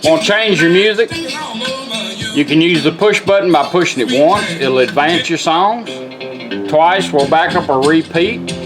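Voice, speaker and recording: Speaking at a measured pace in a slightly high voice, a car radio restorer walks through a hands-on product demo in a relaxed, folksy, plainspoken way. Music plays behind him on a low-quality recording.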